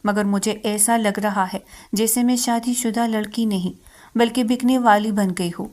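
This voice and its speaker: A desperate young daughter in tears, from a storybook, read by a woman narrator. Her pleading lines come in a plain, steady delivery at a middle pitch. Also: lightly acted.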